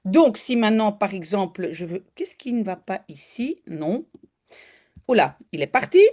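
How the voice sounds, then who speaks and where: A woman teacher leads an online language lesson at an unhurried pace. She repeats each example word several times and stretches it out so the sound can be heard. Her voice rises and falls freely as she explains. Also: mid-range voice, very animated, darkish tone. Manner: patient, repeats and stretches words slowly for pronunciation.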